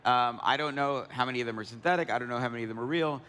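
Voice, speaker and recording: A man's voice: medium pitch, rapid-fire, fairly bright tone. Guy moderating a panel, chatty questions from the stage, mid voice, big echoey hall. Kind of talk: conversational onstage questioning. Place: large conference hall. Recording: reverberant conference hall.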